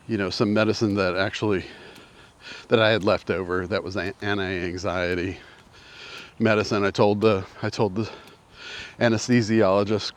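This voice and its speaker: A man in his sixties telling a personal story in a casual, rambling way, out of breath and often repeating himself. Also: lowish voice. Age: 60s. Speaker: vlogger. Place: outdoors with mountains in view.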